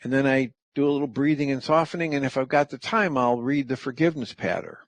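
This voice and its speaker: A middle-aged man hosting a radio show, calmly and gently walking through the steps of a practice. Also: medium pitch, fast talker, no echo. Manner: calm, gentle, step-by-step explaining. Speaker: radio host. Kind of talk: reflective talk radio teaching.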